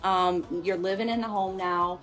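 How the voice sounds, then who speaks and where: A woman's voice: medium pitch, fairly even intonation, normal speed, a bit bright, soft background music. A woman presenting and asking questions in a casual on-camera interview.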